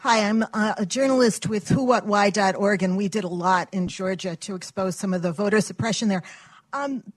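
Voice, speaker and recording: A woman journalist asking a question from the audience, measured and a little halting. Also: medium pitch, no room sound. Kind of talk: audience question at a live event.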